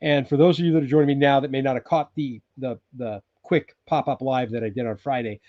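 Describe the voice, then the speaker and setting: Reading viewer comments in a loose live chat, a Californian man in his sixties streams from his off-grid cabin, stumbling through ums and restarts. His medium-pitched voice is steady and brisk, captured in a dry, dull-sounding recording.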